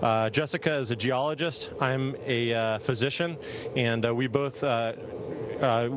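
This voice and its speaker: Male astronaut, medium pitch, halting and earnest, clear spacecraft noise behind him. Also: fairly even intonation. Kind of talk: live question-and-answer over space link. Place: inside a space station. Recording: noisy spacecraft ambience.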